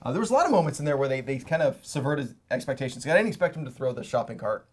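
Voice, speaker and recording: A man co-hosting a movie review podcast in casual chat, laid-back and quick to laugh, who often trips over and repeats his words. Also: mid-range voice, lively intonation, husky.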